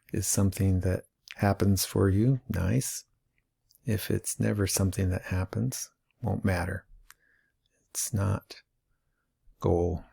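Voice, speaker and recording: A man with a low, gravelly voice talks very slowly and calmly, with long pauses. His tone is mellow and dark as he guides listeners through an awareness lesson. He sounds patient and unhurried. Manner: slow and calm, with long pauses. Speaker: mindfulness teacher.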